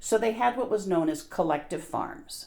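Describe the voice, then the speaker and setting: A woman's voice: medium pitch, lively intonation, brisk, vocal fry, warm tone. An American woman telling stories in casual conversation, earnest and emphatic. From United States.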